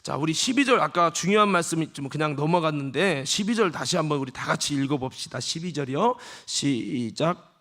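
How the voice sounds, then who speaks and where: A man preaching a sermon as senior pastor in a church, animated, acting out scenes in dialogue and leading the congregation in shouted responses. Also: a little high, fairly quick. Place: church sanctuary.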